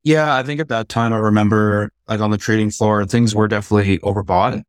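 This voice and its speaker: A man's voice: fairly low pitch, steady tone, fairly quick, clear, resonant tone, no echo. A man who once worked a trading floor, giving his take on stocks in a casual investing discussion, confident and analytical with frequent fillers.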